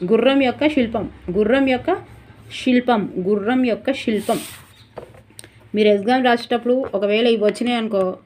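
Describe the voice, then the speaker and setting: A woman's voice: medium pitch, darkish tone. A young woman with a Telangana Telugu accent, tutoring for exams and repeating key words in sing-song drills. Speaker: exam tutor. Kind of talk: memory tricks for exam revision.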